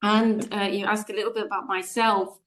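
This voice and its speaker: Speaking a little fast in a mid-range, slightly bright voice with a level tone, this guest is a business English communications coach from Poland in her forties. She talks about her work in a casual interview, laughing frequently and leaning on fillers, with slight background noise present.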